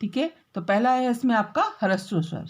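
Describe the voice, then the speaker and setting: Woman teacher dictating slowly, word by word. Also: fairly high pitch, animated. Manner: slow dictation, repeating words with frequent checking tags. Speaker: school teacher. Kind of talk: classroom grammar lesson while writing.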